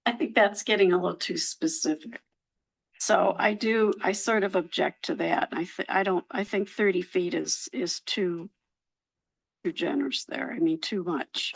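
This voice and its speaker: A woman resident giving public comment at a council meeting in council chambers, hesitant with many pauses and restarts. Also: fairly low pitch, creaky, husky, low-quality recording.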